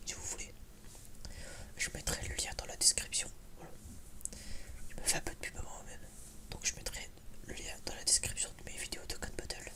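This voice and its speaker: This ASMR YouTuber and film reviewer speaks in a breathy, almost voiceless male whisper. His talk is casual and halting, wandering along in a blunt style full of slang.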